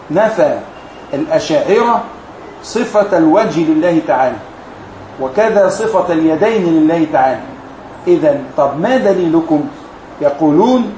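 In an echoey recording with faint background noise, a sheikh gives a religious lesson to a women's study course. His voice is a little high for a man with a darkish tone, and he explains each point in a careful, measured way.

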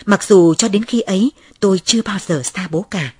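A woman narrating a first-person memoir in a calm, measured storytelling voice. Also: mid-range voice, husky, dry recording, studio quality.

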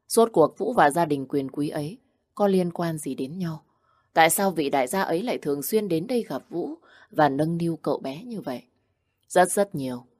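A woman narrating a romance story as an audiobook, in a steady, even way. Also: deep voice, dry recording, clean studio sound.

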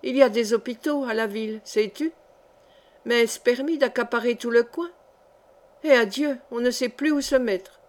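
A woman's voice: on the high side, moderate pace, lightly acted. A woman reading the part of a cross peasant cook who grumbles and scolds. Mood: scolding. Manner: angry, grumbling.

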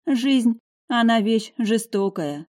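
A worried, loving mother, voiced by a woman narrating an audiobook pleads and cautions in a coaxing, protective way. Her voice sits clearly above the narrator's own register. The tone stays soft and mellow. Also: on the high side, expressive, takes it slowly, pitched above the performer's own voice. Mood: tender, soothing. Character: worried, tender middle-aged mother. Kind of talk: audiobook character voice.

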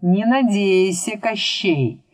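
Woman doing calm wry wizard man, teasing a bit, slow, close dry mic. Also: mid-range voice, dry recording, voice pushed up, natural voice. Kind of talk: audiobook reading.

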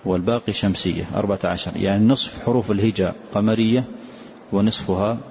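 A low-voiced older man teaches recitation rules in a calm, patient, repetitive manner, pausing to affirm his student. The recording is dull and lo-fi with a faint hiss behind him. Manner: calm, repetitive, answers with short "na'am". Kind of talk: explaining a recitation poem line by line.

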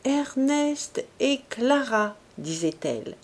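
A woman's voice: medium pitch, lively intonation, slow, a little mellow. A woman reading the part of a teasing, restless young society woman in an audiobook, in a lilting voice.

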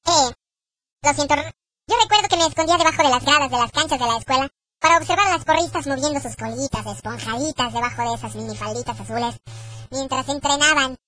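A man voicing a lecherous male chipmunk with a squeaky sped-up voice and a Mexican accent, confessing meekly in a parody comedy sketch. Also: fast talker, shouting, heavy background noise. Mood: sheepish confessing. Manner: confessional, meek, apologetic. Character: lecherous adult male chipmunk, shameless and sheepish.

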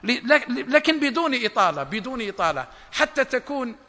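A man preaching a sermon with passion, building to shouts on key points, with halting restarts and repeated phrases. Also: very high-pitched, big pitch swings. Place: lecture hall. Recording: long hall reverb.

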